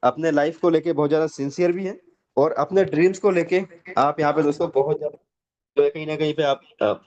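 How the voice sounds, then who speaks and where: A man with a high-pitched voice gives a motivational pitch over a video call. He talks in a preachy, emphatic way and keeps repeating his address to his friends. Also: steady tone, fairly quick, a little mellow, dull audio. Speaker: network marketing session host.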